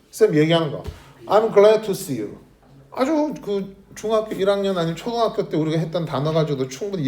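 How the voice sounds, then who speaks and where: A man teaching an English grammar lesson to a middle school class, constantly quizzing his students and calling on them by name. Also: high voice. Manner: lively, questioning students constantly. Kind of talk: classroom lecture.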